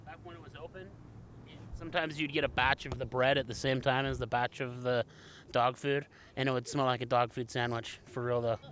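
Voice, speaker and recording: A man's voice: mid-range voice, steady tone, a little fast. A man co-hosting a casual food vlog outdoors, chatting in an easygoing way and asking his friends questions. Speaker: vlog co-host. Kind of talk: casual chat. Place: outdoors at street taco stands. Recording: loud music behind.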